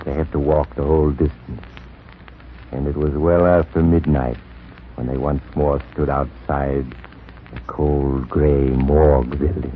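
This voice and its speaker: A sly, sinister old host of spooky tales, his voice sunk extremely low. He spins his story slowly and darkly, like an old radio show heard through a tinny 1940s broadcast with a faint hiss. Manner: slow, ominous storytelling. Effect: old radio show sound. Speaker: narrator and host. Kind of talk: 1940s radio horror narration.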